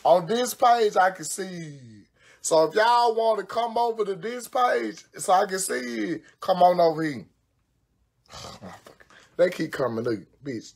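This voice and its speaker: Brash, gravelly woman chatting on a livestream. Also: sits low, darkish tone. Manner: brash, profane, exclamatory, frequent cursing; busy doing her own nails while talking. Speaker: social media personality. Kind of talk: casual livestream chat. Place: at home. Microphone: phone livestream.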